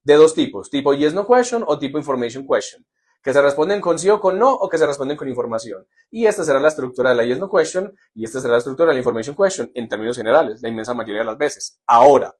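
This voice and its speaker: A man's voice: mid-range voice, fast talker, breathy edge. A man teaching English in a live online lesson, in an upbeat, joking manner that keeps checking on the class. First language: Spanish. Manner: lively, jokey, asks "¿listo?" often.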